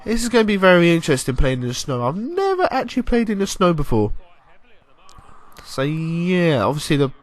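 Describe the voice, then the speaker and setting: A young man giving casual, rambling commentary over a football video game, with excitable bursts and mild swearing. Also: a little high. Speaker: gaming YouTuber.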